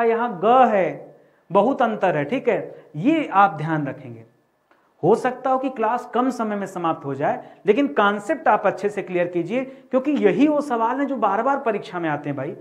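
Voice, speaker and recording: Male grammar teacher for an exam-prep class, drills words through repetition and rhetorical questions. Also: sits high. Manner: repeats key words, quizzes students with rhetorical questions.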